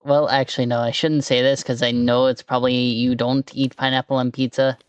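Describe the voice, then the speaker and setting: A podcast host chatting casually with a friend, relaxed and a little hesitant, giving short listening cues. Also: mid-range voice, fairly quick, clear, resonant tone, dry recording. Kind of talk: casual chat interview.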